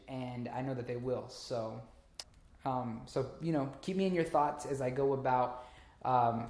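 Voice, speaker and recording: A man's voice: medium pitch, a little mellow. A man talking casually to camera as a vlogger, rambling with fillers and restarts. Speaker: vlogger and small business owner. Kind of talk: casual vlog talk to camera. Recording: roomy echo.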